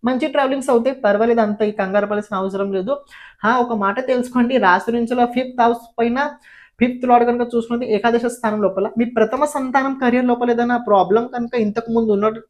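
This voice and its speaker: A woman's voice: a little high, darkish tone, dull audio. A woman astrologer giving a horoscope forecast, explaining planetary positions and giving viewers direct advice, often repeating key phrases for emphasis.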